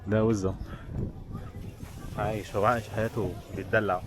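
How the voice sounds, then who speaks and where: Strolling mostly outdoors through a tourist village, a man with an Egyptian Arabic accent talks casually to his vlog audience. He speaks briskly in a level tone, his voice on the low side. The busy tourist spot adds crowd noise and voices behind him.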